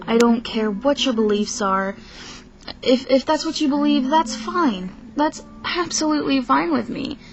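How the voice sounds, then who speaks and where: A woman's voice: medium pitch, rough recording. A young woman venting to the camera in a casual rant, hesitant and frank, tired from too little sleep, often stopping to restart her sentences. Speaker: vlogger. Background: faint film soundtrack music.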